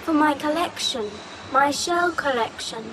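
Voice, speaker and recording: A woman playing a childlike girl who talks in short, halting, simple phrases. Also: sits high, background noise. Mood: eager. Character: childlike computer-made girl, eager and simple.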